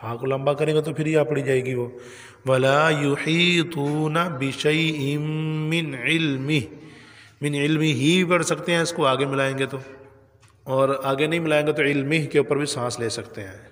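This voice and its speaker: A man teaching correct pronunciation of recitation, stretching out each word slowly as he shows how to say it. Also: medium pitch, steady tone, big-room sound. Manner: slow, drawn-out demonstrations of words. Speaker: Quran teacher. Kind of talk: pronunciation lesson.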